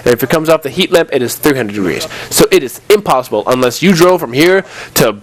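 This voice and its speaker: A nineteen-year-old gaming video host tells stories casually while playing a video game, sounding exasperated as he acts out remembered exchanges. He talks fast with lively intonation in a medium-pitched voice, with no echo.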